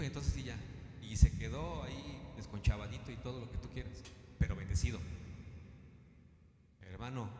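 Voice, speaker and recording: A man's voice: mid-range voice, warm tone. A man preaching a sermon, asking questions and drawing answers from the congregation. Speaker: pastor. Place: church hall. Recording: echoey church hall, long reverb.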